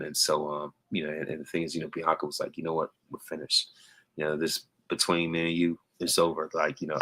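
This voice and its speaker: A man's voice: extremely low pitch, pushed and bright, rough recording. A man giving a casual, rambling wrestling recap, full of fillers and restarts. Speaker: wrestling commentator.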